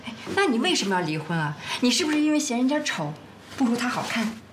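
A woman's voice: fairly high pitch, very animated, fast. An actress playing an inquisitive woman in a screen drama, asking pointed, persistent questions. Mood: challenging. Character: probing, inquisitive woman questioning a tipsy man. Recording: echoey room, loud background noise.

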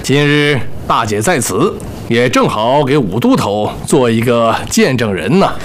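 An actor playing a genial, scheming official hosting a banquet in a costume drama, smooth, coaxing and officious. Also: male voice, mid-range voice, very animated, a little slow, slight background noise. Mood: genial, persuasive. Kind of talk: Chinese costume television drama acting. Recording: music behind dialogue.

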